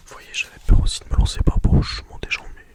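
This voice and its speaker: A young adult ASMR creator whispering close to a sensitive mic to viewers, hesitant and improvising, with casual slang. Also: racing.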